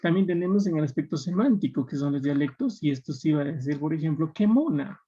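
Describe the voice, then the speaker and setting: A man's voice: a little high, steady tone, fast talker, dark tone, husky. Peruvian man lecturing his students. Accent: Peruvian Spanish. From Peru. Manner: explanatory, checking in with tag questions. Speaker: teacher. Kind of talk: classroom lecture. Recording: dull lo-fi recording.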